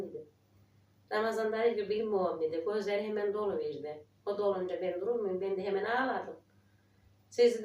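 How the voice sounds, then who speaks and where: A woman's voice: mid-range voice, a little mellow, reverberant, far from the mic. A woman in her forties, talking emotionally to her viewers in a trembling, prayerful voice. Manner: emotional, tearful, prayerful, quoting others. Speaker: village life vlogger. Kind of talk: emotional casual chat to viewers.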